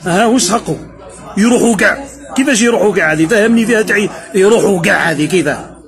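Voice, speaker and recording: A man's voice: high voice, very fast, over music. A man with an Algerian Arabic accent delivering a mocking, sarcastic political rant that speaks straight at his opponents. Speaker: political commentator.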